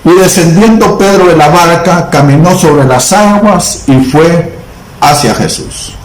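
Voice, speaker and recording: A man from El Salvador delivering a sermon at a deliberate, unhurried pace, leaning on each phrase with long pauses. His voice sits fairly high for a man and rings out in an echoey church room, with faint ambience underneath. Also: slight background noise. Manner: slow, emphatic preaching with long pauses. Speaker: preacher.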